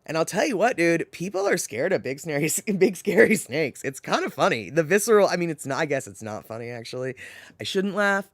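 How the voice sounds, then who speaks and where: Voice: medium pitch, very animated, a little fast, no room sound, clean studio sound. A live-stream host from the United States chatting casually with viewers, rambling, correcting themself and laughing at their own remarks. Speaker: livestream host reading viewer chat.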